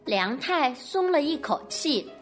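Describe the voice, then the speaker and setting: A woman narrating a picture-book story for children in an expressive storytelling manner. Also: sits high, takes it slowly, faint music behind.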